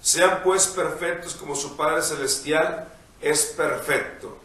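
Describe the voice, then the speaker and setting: A priest reading the gospel and preaching in a measured, solemn way, his voice ringing with heavy cathedral-like church echo. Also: on the high side, fairly even intonation, sharp tone. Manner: measured, solemn liturgical delivery. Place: large church. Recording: heavy echo, distant mic, faint noise.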